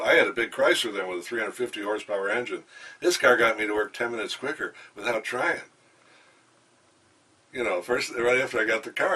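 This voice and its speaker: Older man, meandering enthusiastic storyteller, forceful voice, distant mic in a hotel room. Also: lowish voice, husky. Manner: enthusiastic, meandering, many fillers. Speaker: interviewee. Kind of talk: rambling anecdotal storytelling. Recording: distant mic, faint background noise.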